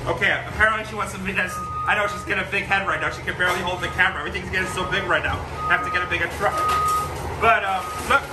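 A man's voice: high-pitched, steady tone, very fast. A man in his forties, a thrift store owner, chatting casually and telling stories while driving a truck. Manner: chatty, storytelling with laughs. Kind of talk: casual vlog chat. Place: inside a truck cab. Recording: road noise, mic at a distance.

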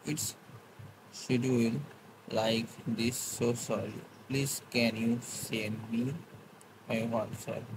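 A man chatting live with viewers and answering their comments in halting, broken English. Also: mid-range voice, steady tone, background noise. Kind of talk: casual live-stream chat.

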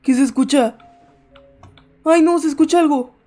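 Jittery, high-voiced woman streamer. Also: moderate pace, warm tone, soft background music. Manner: jittery, scared exclamations and chatty asides. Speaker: gaming streamer. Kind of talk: horror game commentary.

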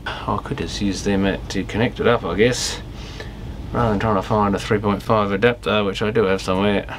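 Talking himself through a repair at the workbench, this electronics repairer and video host mutters casual, unscripted thoughts in fragments that often trail off. His voice is fairly low with fairly even intonation, he speaks fairly quickly, and clear background noise runs behind him.

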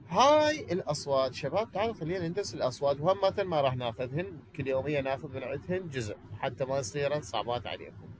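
A man's voice: medium pitch, slight background noise, poor audio. A man with an Iraqi Arabic accent teaching an online English class, asking questions and then answering them himself.

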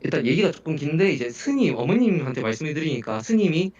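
Man, casual storytelling, interview guest, rapid speech, slightly muffled recording. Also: on the high side, very animated, darkish tone. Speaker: guest telling of strange events at home.

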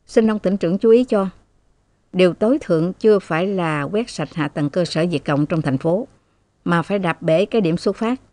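A woman's voice: on the low side, normal speed, darkish tone, no echo, lightly acted. A woman narrator reading the dialogue of firm, reasoning male army officers in a storytelling manner. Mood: stern. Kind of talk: novel dialogue read by narrator.

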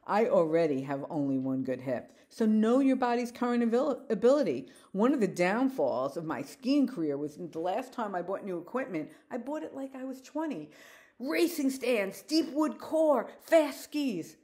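Expressive woman in her sixties, mellow voice. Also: normal speed. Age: 60s. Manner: animated, gestures with her hands, shifts between upbeat and low wry asides. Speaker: vlogger. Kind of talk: reflective personal monologue. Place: living room with windows, indoors. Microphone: phone camera held close, looking down at her.

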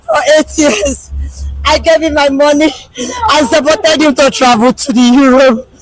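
A wailing jilted lover. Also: female voice, high voice, fairly even intonation, unhurried, low-quality recording. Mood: grieving. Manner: pleading, wailing. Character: jilted woman who funded her lover abroad. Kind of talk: Nigerian skit drama. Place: outdoor compound.

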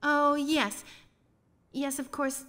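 A woman's voice: sits high, level tone, very slow, pushed and bright, heavily acted. An actress voicing a nervous young woman in a video game, hesitant and easily flustered. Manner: hesitant, flustered, drops to whispers. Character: nervous young female camera operator, timid and flustered. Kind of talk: game voice acting.

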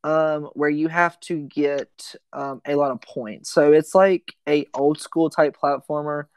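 A man's voice: on the high side, steady tone, unhurried, smooth, dry recording. A young man hosting a casual gaming podcast, rambling with lots of ums and restarts. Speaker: podcast host.

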